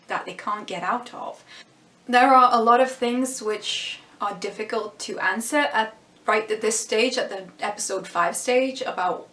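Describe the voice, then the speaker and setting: In a roomy-sounding recording, a woman with a medium-pitched, slightly bright voice gives casual vlog commentary on a TV series. Her voice is fading, and she thinks aloud, restarting sentences with little laughs.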